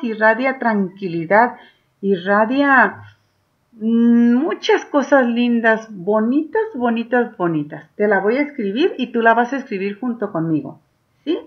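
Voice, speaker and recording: A woman's voice: a little high, muffled recording. A woman teacher with a Mexican accent, patiently guiding first graders through a reading lesson, stretching out words for them to follow. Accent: Mexican Spanish. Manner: patient and warm, drawing out words slowly for children to read along. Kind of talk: slow, encouraging reading lesson to young children.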